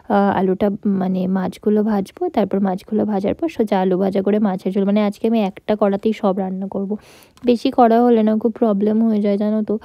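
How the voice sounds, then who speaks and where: A woman's voice: medium pitch, no echo, muffled recording. A young woman chatting casually through a home cooking vlog, explaining each step as she goes. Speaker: vlogger.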